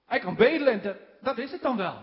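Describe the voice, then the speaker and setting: High-voiced male preacher, lo-fi sound. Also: big pitch swings. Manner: slows down on key words for emphasis, with small chuckles. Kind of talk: sermon. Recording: dull lo-fi recording.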